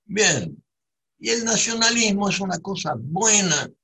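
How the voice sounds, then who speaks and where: A man from Buenos Aires speaks with a Rioplatense Spanish accent in a digressive, reflective monologue full of tag questions and restarts. His high voice is bright and forceful with a breathy edge, lively in intonation and measured in pace.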